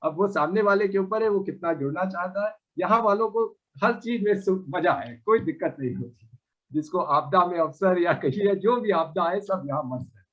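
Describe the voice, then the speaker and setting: A man from Varanasi talks loosely, in a rambling and conversational way, as a resident being interviewed. His voice is high for a man. The recording sounds dull and lo-fi. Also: animated, moderate pace, fairly bright tone. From Varanasi, India. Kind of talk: casual interview answer.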